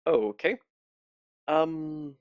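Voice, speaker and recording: A man's voice: on the high side, very slow, no room sound, phone-quality sound. A man running a tabletop game as game master, narrating in hesitant but precise phrasing.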